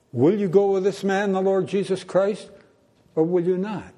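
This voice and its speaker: Older man, preacher, sermon, slow, warm dark voice, earnest, emphatic questions. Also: on the high side.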